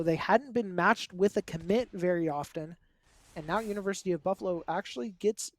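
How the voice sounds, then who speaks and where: A young man casting a college esports match as play-by-play commentator, calling the action quickly with joking asides. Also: high-pitched, darkish tone. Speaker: esports caster.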